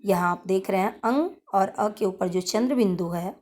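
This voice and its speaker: A woman teacher explaining a grammar lesson to children, repeating key points in a deliberate way. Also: mid-range voice, darkish tone. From India. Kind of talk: slow classroom lesson explanation.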